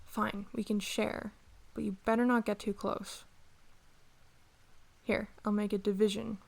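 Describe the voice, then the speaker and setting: Casting: actress as bossy, grudgingly caring young female rival for ASMR role-play; mid-pitched, heavy creak, grumbly conversational delivery. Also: level tone, measured pace. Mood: reluctant, grumbling.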